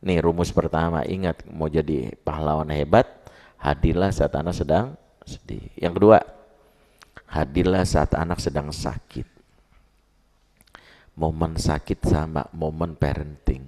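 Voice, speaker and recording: Male preacher, deep voice with fry, chatty storytelling sermon. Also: fairly even intonation, measured pace, pauses often, darkish tone. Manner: casual storytelling with slang. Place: mosque.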